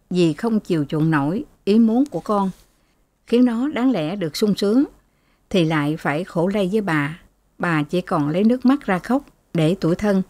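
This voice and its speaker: A woman narrating a novel as an audiobook in a steady, even storytelling voice. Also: on the low side, no room sound.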